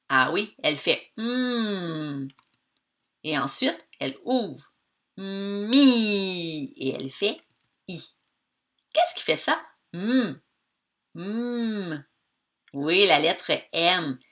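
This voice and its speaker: A woman teacher with a Québécois accent giving a reading lesson to children, slowly drawing out the sounds in words and encouraging her pupils. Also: lowish voice, pushed and bright. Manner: slow, stretched-out sounds of words for young learners; encouraging, addresses pupils directly.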